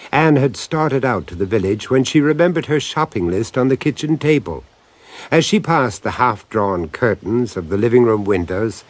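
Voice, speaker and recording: A man with a lowish voice narrates a supernatural radio drama, acting as a grave storyteller whose phrasing is measured and suspenseful.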